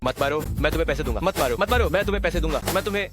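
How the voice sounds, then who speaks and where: Actor as an arrogant rich brat, fast and high-pitched, blustering, dubbed drama. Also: male voice, animated, music in the background, close to an everyday voice. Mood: pleading. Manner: blustering, whiny when scared. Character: arrogant rich young man, boss of hired thugs. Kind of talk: Hindi dubbed short drama.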